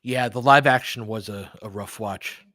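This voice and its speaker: A sports podcast host with a fairly low pitch and sharp tone talks at normal speed, chatting informally on a live stream as he thinks aloud through basketball commentary and replies to chat. The recording is dry and studio quality.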